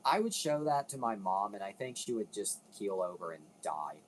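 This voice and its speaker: A man's voice: on the low side, big pitch swings, moderate pace, slight background noise, rough recording. A man hosting a casual commentary video, rambling, cutting himself off and swearing now and then. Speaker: video host.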